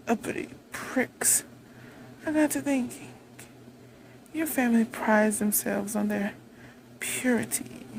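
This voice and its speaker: In a roleplay monologue, a woman plays a haughty, vengeful vampire queen, imperious and taunting in a deliberate, gloating delivery. Her voice is on the high side and creaky, with background noise present.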